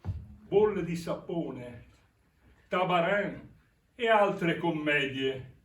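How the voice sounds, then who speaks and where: A man's voice: a little high, expressive, drawn-out words, noisy background. A man with a Milanese accent reciting dialect poetry in a declamatory, theatrical way. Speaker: stage performer. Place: theatre stage, recorded from a distance. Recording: echoey stage, distant microphone.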